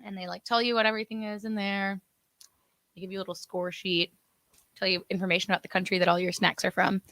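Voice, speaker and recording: A woman's voice: mid-range voice, level tone, quick pace, fairly bright tone, no echo. A woman co-hosting a casual livestream, chatty and giggly, with lots of "like" fillers, talking in a room with cameras and lights. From West Virginia and South Florida. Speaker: co-host of a livestream.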